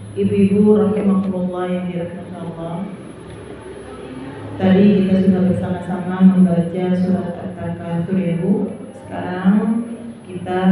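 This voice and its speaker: Slow-talking woman teaching Quran recitation. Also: lowish voice, dark tone, a little hiss or hum. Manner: patient, demonstrates recitation then explains. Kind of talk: tajwid lesson to women. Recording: echoey room, far from mic.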